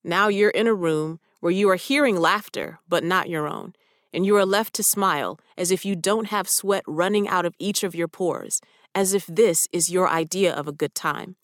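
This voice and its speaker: A woman's voice: fairly low pitch, normal speed, dry recording, studio quality. A woman reading her own personal essay aloud, with reflective, wry storytelling.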